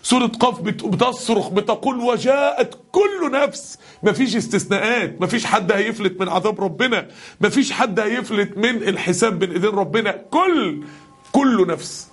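A man with an Egyptian Arabic accent preaching a passionate sermon to a congregation, his voice climbing to shouts on the key lines. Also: high voice, fast, husky. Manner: impassioned, rising to shouts on key verses.

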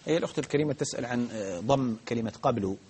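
A man's voice: mid-range voice, very fast, darkish tone, breathy edge. A man teaching a grammar lesson, explaining patiently step by step, with frequent restarts and fillers. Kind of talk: live grammar lesson with questions.

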